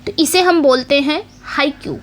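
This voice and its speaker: High-voiced woman, literature lecture, quizzes students, repeats key points, reads English slowly. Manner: explains in Hindi mixing English terms, repeats key points with quiz questions. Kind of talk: exam-prep lecture.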